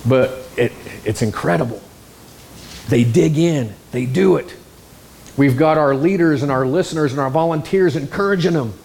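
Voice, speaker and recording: A man preaching a sermon, telling a story in an animated, exclamatory way. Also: on the high side, moderate pace, vocal fry. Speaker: pastor.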